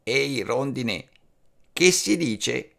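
Man voicing timid caged parakeets for a storybook tale; higher, slower, pleading, gravelly tone. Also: expressive, sharp tone, exaggerated voice. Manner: slow, high, pleading voice. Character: small timid caged parakeets, noisy and fearful.

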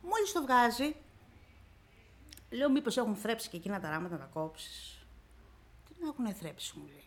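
On a radio interview, a woman guest with a fairly high, sing-song voice retells her own story vividly. She acts out the dialogue, constantly saying "I say, she says," and the storytelling is emotional and personal.

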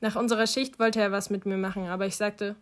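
A woman reading a first-person audiobook in a quiet, reflective way, her voice dropping at the end of lines. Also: mid-range voice, steady tone, fast. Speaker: audiobook narrator. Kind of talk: audiobook narration.

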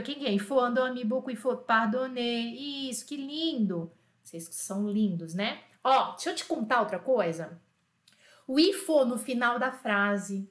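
Lively woman teaching French. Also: on the high side, reverberant. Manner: enthusiastic, chatty, drills phrases slowly. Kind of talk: online language lesson.

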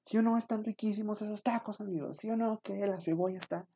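A man's voice: fast talker, mellow, husky. A man putting on a gushing, chatty taco-stand lady. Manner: high, sing-song, gushing. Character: chatty, overly cheerful middle-aged woman at taco stand.

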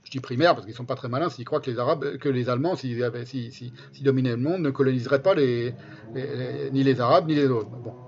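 A man's voice: mid-range voice, quick pace, a little mellow. A man reading quotations aloud and adding spoken asides, emphatically repeating key phrases for stress. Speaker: commentator presenting a history book. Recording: dull, lo-fi sound.

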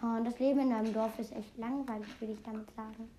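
A woman giving casual, excitable gaming commentary, rambling through fun facts with many restarts. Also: a little high, quick pace, slight background noise. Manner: excitable, keeps exclaiming "Junge". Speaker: let's play host.

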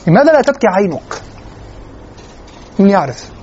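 A man giving a classroom lecture on classical poetry, often stopping to ask the class whether it is clear. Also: high voice, very animated, moderate pace, a little mellow, slight background noise. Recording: dull lo-fi classroom recording.

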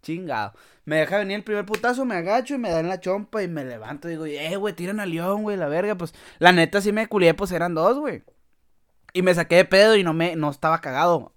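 A man's voice: high voice, expressive, a little fast. A man with a Mexican accent, hosting a podcast and telling a story in casual comic style, full of crude slang and frequent laughter. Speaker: podcast host.

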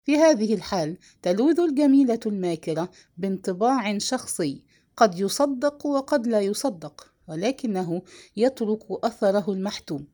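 A woman narrating a dramatic novel with measured, expressive storytelling. Her voice moves through a lively, varied range of pitch. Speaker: audiobook narrator.

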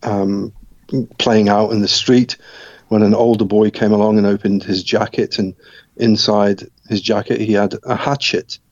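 A middle-aged man from Scotland recounts his life story as an interview guest. His voice sits low and stays flat, and he speaks in a measured, reflective way with small restarts. The recording is dry and a little muffled. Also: no room sound.

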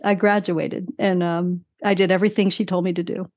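A woman's voice: fairly low pitch, flat delivery, a little fast, darkish tone. A woman in her sixties giving candid personal testimony as an interview guest, telling her story emphatically with short repeated phrases. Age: 60s.

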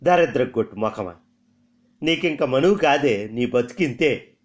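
Man putting on a tired poor older woman, higher voice, frets and scolds, storybook character. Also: expressive, unhurried, natural voice. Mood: scolding. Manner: pleading, then scolding.

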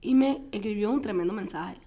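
A young adult woman, a guest, telling a personal story in an animated way, laughing often and acting out her own quotes. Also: medium pitch, brisk.

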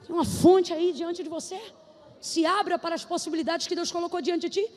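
A woman preacher from Brazil delivers a sermon in a very high voice. She shifts between shouted prophetic declarations and relaxed, conversational storytelling. Long reverb trails after her words in the church hall. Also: brisk, a little hiss or hum.

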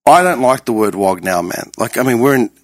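A man in his late 30s chats casually on a podcast at a brisk clip, his medium-pitched voice captured in a dry, clean studio recording. He's animated and emphatic, swearing a lot.

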